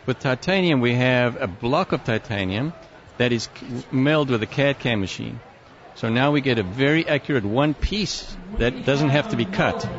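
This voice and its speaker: A man's voice: mid-range voice, moderate pace. A man with a South African accent, a prosthodontist guest on a radio interview, explaining things carefully. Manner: explanatory, precise. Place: outdoor expo booth. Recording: dull lo-fi sound, faint street noise.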